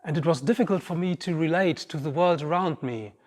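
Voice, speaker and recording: A man's voice: fairly high pitch, brisk, darkish tone. A man giving a reflective, personal inspirational talk on stage, speaking directly to the audience. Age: 50s. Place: large auditorium stage. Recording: long reverb of a large hall.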